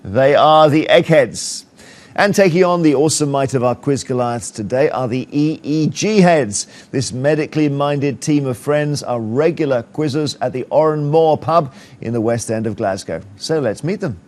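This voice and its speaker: A man's voice: mid-range voice, moderate pace, darkish tone. Jokey male quiz show host. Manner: jokey, teasing banter. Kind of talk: TV quiz presenting.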